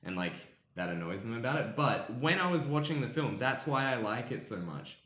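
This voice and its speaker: A man's voice: mid-range voice, very animated, brisk, a bit bright. A man co-hosting a casual film chat, rambling and hesitant with many ums. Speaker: podcast co-host. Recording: echoey room.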